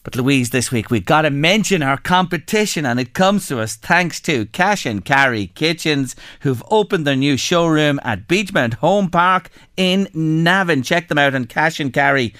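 A man's voice: a little high, animated, moderate pace, few pauses, a bit bright, no echo, studio quality. An Irish man presenting a live radio show and plugging competitions in a chatty, emphatic way, often repeating his phrases.

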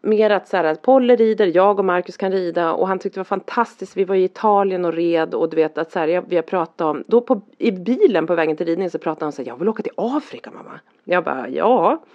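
A woman's voice: fairly low pitch, hardly any pauses. A middle-aged woman, a parent, chatting casually and rambling through a story, acting out the lines people said. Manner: rambling, animated, acts out quoted lines. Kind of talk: casual chat. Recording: dull lo-fi sound.

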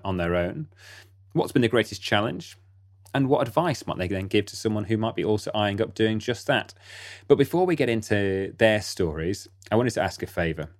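Low-voiced male podcast host over faint music. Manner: rambling, repeats words.

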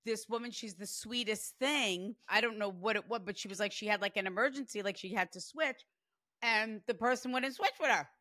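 Brisk and medium-pitched, a woman in her forties works through a psychic spirit reading, chatting animatedly with plenty of "like." There's no room sound.

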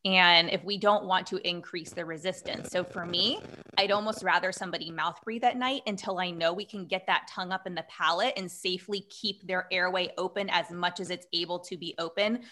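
Bright-voiced woman expert guest. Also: lowish voice, fairly even intonation, a little fast. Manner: earnest, explanatory, many fillers. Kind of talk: casual conversation.

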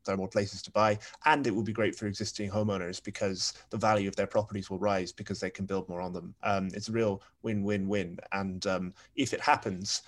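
A man's voice: deep voice, level tone, brisk, few pauses. A young man, a podcast guest, talking through his points wryly with many fillers. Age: young adult. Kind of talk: panel discussion.

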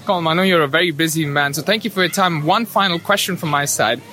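Bright-voiced male interviewer, polite. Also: fairly high pitch, fast, slight background noise. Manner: polite and complimentary. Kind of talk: interview questions.

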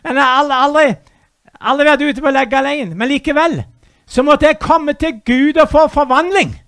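A man preaching a fervent sermon, dropping to a hush and then rising to loud, urgent appeals. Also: very high voice, no echo.

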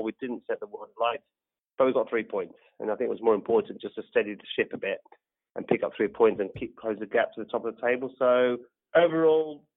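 A man giving unscripted post-match football commentary as a guest, repeating words as he thinks. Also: mid-range voice. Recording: tinny, phone-like call.

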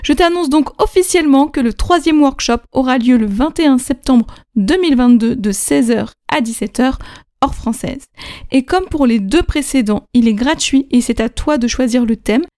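A woman hosting a podcast language lesson, explaining pronunciation clearly and slowing down to spell out examples. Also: high voice. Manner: lively, clear teaching with slow, spelled-out examples. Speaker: French teacher and podcast host.

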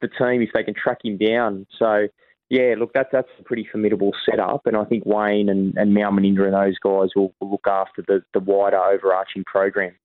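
An Australian rugby league journalist from New South Wales talks casually as a podcast guest, often restarting and correcting himself. His voice is fairly low and level, his pace brisk. The sound is dry and narrow like a phone, with no echo.

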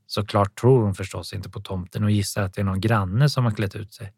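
A man narrating an audiobook in a calm, even storytelling manner. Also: on the low side, husky, no room sound, studio quality.

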